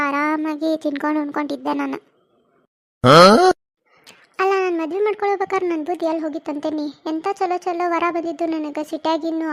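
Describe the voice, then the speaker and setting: Woman playing a cartoon village wife with a North Karnataka accent: very high, flat and rapid, always nagging. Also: natural voice. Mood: grumbling. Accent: North Karnataka Kannada. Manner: nagging, complaining, fast-talking. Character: grumbling overworked young village wife. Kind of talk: cartoon comedy voice acting.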